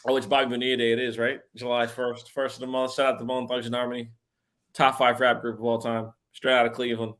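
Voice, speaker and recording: A man co-hosting a casual sports show, ranting in an animated way and swearing a lot. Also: medium pitch, fast talker. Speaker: podcast co-host.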